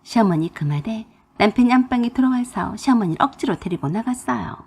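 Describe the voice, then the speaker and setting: Young woman, story narrator, husky, animated pitch, emphatic.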